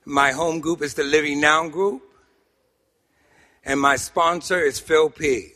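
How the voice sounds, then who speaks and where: Speaking to a group in an echoey meeting hall, a Harlem-born man, middle-aged or older, shares a humorous, animated personal testimony at a recovery meeting. His New York-accented voice sits a little high, and he leans on emphatic pauses and repeated lines.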